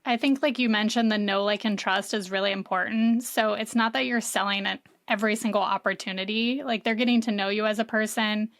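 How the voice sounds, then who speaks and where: A woman's voice: medium pitch, steady tone, brisk, hardly any pauses, a bit bright, dry recording, clean studio sound. A woman guest on a podcast, explaining marketing casually with many "like" fillers. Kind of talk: conversational interview.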